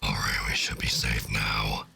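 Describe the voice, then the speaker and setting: A man voicing a demon in a deep, breathy whisper while commenting on a video game. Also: flat delivery, a little slow, sharp tone, exaggerated voice. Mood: grumbling. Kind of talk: gaming commentary in a put-on voice. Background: game music.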